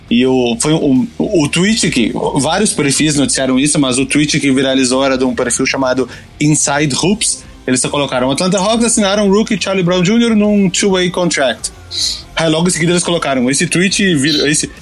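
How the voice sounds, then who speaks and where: A Brazilian man co-hosting a podcast, chatting casually and anecdotally, often doubling back on his phrases. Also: fairly high pitch. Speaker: podcast co-host.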